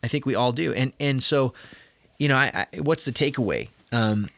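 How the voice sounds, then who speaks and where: A man's voice: mid-range voice, normal speed, creaky, a bit bright. A man co-hosting a podcast in casual chat, talking earnestly and emphatically in long run-on strings of points. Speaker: podcast co-host.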